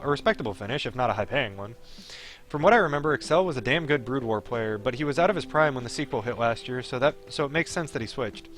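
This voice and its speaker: Playing a visual novel on stream, a man with a medium-pitched, fairly bright voice expressively reads out the game's narration and throws in offhand, casual remarks.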